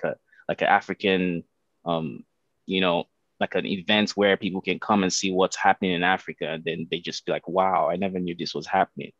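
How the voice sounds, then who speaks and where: A man's voice: low-pitched, a bit bright, no room sound. A young man from Nigeria, a podcast guest on a headset over a video call, upbeat and positive with many fillers. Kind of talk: casual conversational storytelling. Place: small room at home. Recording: dry, slightly dull headset audio.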